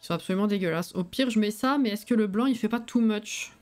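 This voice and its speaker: A woman's voice: medium pitch, fast talker, a little mellow. A tired woman with a lisp with slushy s sounds, thinking aloud in casual, colloquial live-stream commentary. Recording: voice over background music. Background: music.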